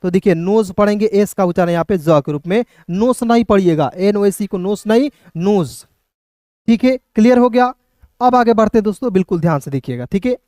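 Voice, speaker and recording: High-voiced man teaching English spelling. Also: a little mellow, dry recording, studio quality. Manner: repeats questions to viewers, checks "clear?" often; slow, spelled-out letter drilling. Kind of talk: classroom-style spelling lesson. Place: hot room with a fan running.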